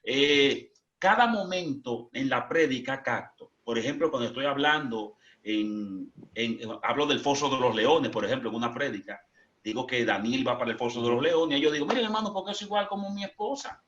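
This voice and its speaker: A Dominican man who preaches, telling stories animatedly and jumping into high, excited voices when he quotes people. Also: normal speed. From Dominican Republic. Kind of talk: animated storytelling. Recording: lo-fi muffled.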